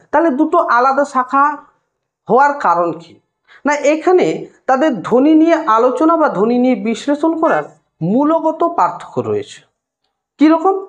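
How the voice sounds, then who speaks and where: A woman tutor with a West Bengal Bengali accent explains a lesson step by step to her students and sounds out single sounds slowly. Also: high voice, dull audio. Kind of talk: recorded lesson lecture.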